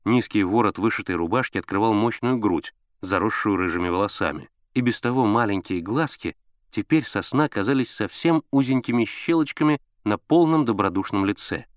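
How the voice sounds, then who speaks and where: A man reads a storybook aloud as narrator, with an expressive storytelling manner. His pitch rises and falls freely. The sound is close and dry, with no room around it. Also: normal speed, no room sound. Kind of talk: scripted audiobook narration.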